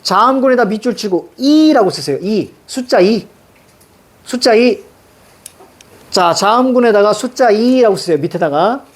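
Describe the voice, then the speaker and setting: Lively high-voiced male teacher. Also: moderate pace. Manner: lively, questioning students, repeating key words. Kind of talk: classroom grammar lesson. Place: classroom.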